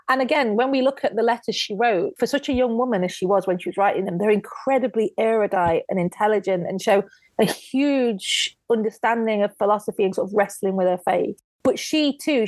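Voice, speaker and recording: A woman's voice: medium pitch, dry recording. A woman, a guest author, telling history in a casual podcast interview and acting out quotes as she goes. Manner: lively storyteller who acts out quotes.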